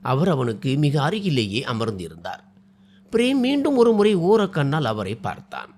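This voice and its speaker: A man's voice: mid-range voice, wildly swooping pitch, moderate pace, darkish tone. A man narrating a short story in a dramatic, scripted storytelling style.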